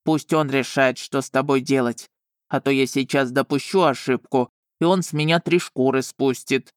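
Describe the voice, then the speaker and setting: A man voicing a huge, blunt male beast familiar in an audiobook, gruff and matter-of-fact. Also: medium pitch, fairly even intonation, moderate pace, no room sound, clean studio sound, close to an everyday voice.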